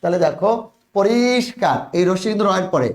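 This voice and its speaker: A man teaching a spelling lesson, drilling students, repeating words and pressing for quick answers. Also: high voice, lively intonation, roomy sound.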